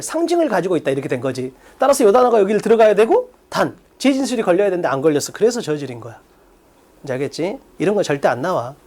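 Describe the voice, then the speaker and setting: A man teaching an exam-prep English class, prodding his students with quick rhetorical questions. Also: very high-pitched, a little mellow. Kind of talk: lecture.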